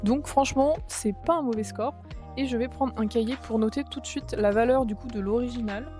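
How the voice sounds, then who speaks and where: A young woman talks casually, filling her sentences with hesitations and quick self-corrections. Her voice sits a little high with a mellow, warm tone, and faint music plays underneath. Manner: chatty, lots of fillers and self-corrections. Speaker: YouTuber. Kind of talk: casual chat while playing a color game.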